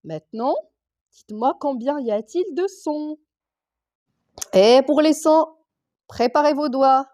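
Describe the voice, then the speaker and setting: Primary school teacher, female, slightly high voice, patient and deliberate, breaks words into sounds. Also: warm tone. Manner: slow, clear, sounding out letters and syllables for young children. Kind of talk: primary school reading lesson.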